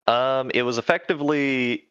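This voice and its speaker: A man's voice: mid-range voice, steady tone, normal speed, fairly bright tone, smooth. Man on a clipped, breaking call line. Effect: clipped online call line that breaks up. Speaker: caller on a livestream. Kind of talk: casual debate chat. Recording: dull lo-fi call audio.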